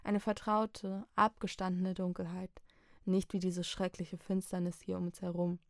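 A woman's voice: on the low side, flat delivery, dry recording. Woman reading a story, dry studio sound. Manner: measured, reflective storytelling. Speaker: audiobook narrator. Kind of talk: scripted first-person narration.

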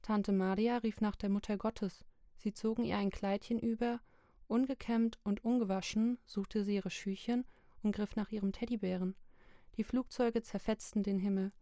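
A woman narrating a literary book chapter in a slow, measured, even reading. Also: mid-range voice, dry recording, clean studio sound. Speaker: audiobook narrator.

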